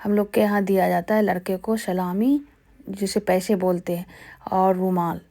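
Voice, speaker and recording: A woman's voice: mid-range voice, fairly even intonation, normal speed, warm tone. A young woman, chatting casually as she explains wedding customs to her viewers. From Bihar, India. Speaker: vlogger. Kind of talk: casual vlog voice-over.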